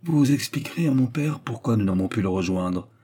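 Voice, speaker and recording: A man voicing a troubled young woman who speaks in a faltering, hesitant way, in a dark, husky voice. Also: medium pitch, expressive, brisk. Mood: flustered. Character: shaken, timid young woman.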